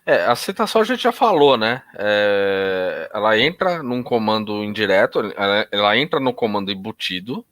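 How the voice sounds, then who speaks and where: A low-pitched man teaching in an easy, conversational style. He often restarts his sentences and shifts his tone to act out examples. The sound is dry and close, with almost no room behind him. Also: sing-song, normal speed, hardly any pauses, fairly bright tone, dry recording. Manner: explains with hesitant restarts, demonstrates intonation shifts. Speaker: NLP instructor.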